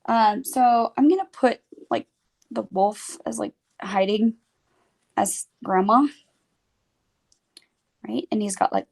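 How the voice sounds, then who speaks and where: A woman's voice: medium pitch, vocal fry, a little mellow. A young woman teaching a children's phonics lesson, chatting casually and saying "like" a lot as she draws. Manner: casual, chatty, says "like" often while drawing.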